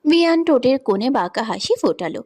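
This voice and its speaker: Female narrator for a romance audiobook, slightly high voice, steady delivery. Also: fast talker. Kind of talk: scripted storybook narration.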